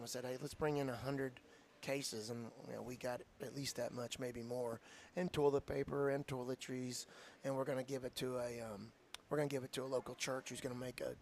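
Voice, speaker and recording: A man's voice: medium pitch, gravelly, a little mellow, slight background noise. A man, a football coach telling an earnest, heartfelt story in a radio interview. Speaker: high school football coach.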